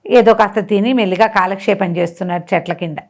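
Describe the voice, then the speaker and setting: This folk tale comes from a woman storyteller at a quick pace and medium pitch. Her telling is animated and casual, with rhetorical questions and the characters' lines acted out.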